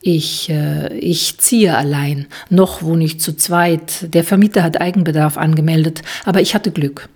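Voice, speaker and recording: A woman's voice: deep voice, steady tone, unhurried, few pauses, a little mellow, breathy edge, full character voice. A woman reading Dirk, an easygoing evasive man. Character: man in his fifties, evasive, easygoing tango dancer.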